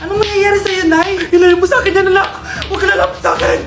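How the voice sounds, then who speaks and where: A woman with a very high voice performs comedic POV skits and plays every character herself. She gasps and shouts for drama. Loud music plays behind her. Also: fairly even intonation, very fast, reverberant. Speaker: storyteller voicing all roles.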